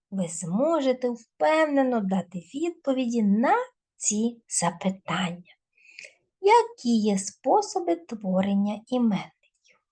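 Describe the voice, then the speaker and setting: A woman teacher giving a recorded video lesson to schoolchildren, dictating word lists slowly and clearly. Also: a little high, darkish tone.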